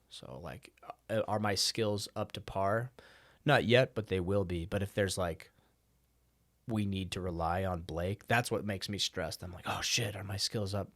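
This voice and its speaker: A young man co-hosting a podcast tells stories with animation, acting out other people's voices and laughing as he goes. His voice sits on the low side. The sound is dry and close to the mic. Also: measured pace, no echo. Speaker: podcast co-host. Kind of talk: casual conversation.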